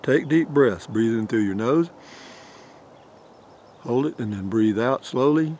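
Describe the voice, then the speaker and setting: Out in a pine forest, an older man with a drawl chats for his camping vlog into a phone held at arm's length. His medium-pitched voice is expressive, slow and a bit mellow, and he rambles folksily with frequent chuckles. A faint hiss or hum runs underneath.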